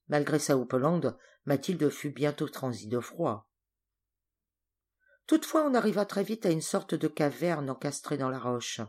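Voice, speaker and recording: A woman narrating a story for an audiobook in a measured, clear reading voice. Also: low-pitched, darkish tone. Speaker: audiobook reader. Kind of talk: scripted narration.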